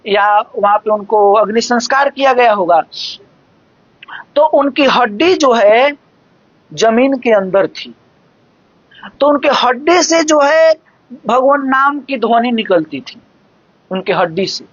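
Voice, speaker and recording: Brief: scripture-discourse speaker, very slow and measured, dull lo-fi recording. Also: mid-range voice, expressive, no room sound. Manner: measured, explanatory, recites verses slowly. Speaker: devotional scripture expounder. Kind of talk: devotional discourse explaining scripture.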